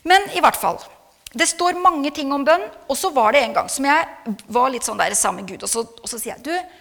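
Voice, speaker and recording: Middle-aged woman, sermon testimony, earnest and reflective, high gravelly voice, long church-hall reverb. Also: lively intonation, fairly bright tone. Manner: earnest and reflective, with hesitant fillers and rising emphatic passages. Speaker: speaker giving a church testimony.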